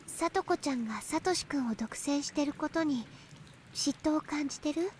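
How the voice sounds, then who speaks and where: A woman's voice: high voice, lively intonation, fast, a little mellow, slight background noise. A woman playing a mysterious, sweetly smiling yet unsettling teenage girl in a Japanese visual novel. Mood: sweet, probing.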